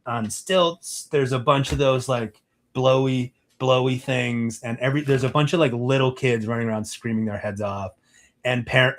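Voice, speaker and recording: A man's voice: medium pitch, a bit bright. A man narrating as game master in a casual, rambling way with many fillers.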